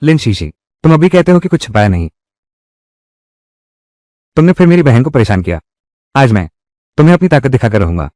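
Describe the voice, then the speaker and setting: A man's voice: medium pitch, big pitch swings, brisk, pauses often, darkish tone, no echo, clean studio sound. A man dubbing a family drama, voicing every role himself in a dramatic manner. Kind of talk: Hindi-dubbed drama, one voice for all roles.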